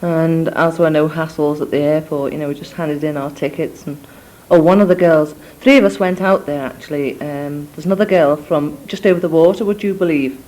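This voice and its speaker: A young woman with a mixed Scouse and Scottish accent rambles through a spoken cassette letter to her family, full of ums and asides. Her low-pitched, mellow voice is fairly even and fairly quick, with hardly any pauses. It was recorded indoors on a cassette or dictaphone recorder, and the sound is rough.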